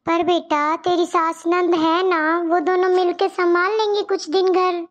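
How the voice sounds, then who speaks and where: A doting older mother longing for her daughter, as a woman puts her on, warm and wistful, very high pitched. The audio is dull and lo-fi. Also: little pitch movement, unhurried. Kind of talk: cartoon story voice acting.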